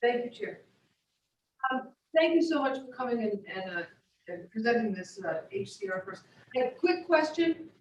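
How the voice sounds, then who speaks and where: A woman on a committee, putting a polite, slightly halting question to a speaker. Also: fairly high pitch, very animated. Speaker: committee member. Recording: distant echoey room, dull sound.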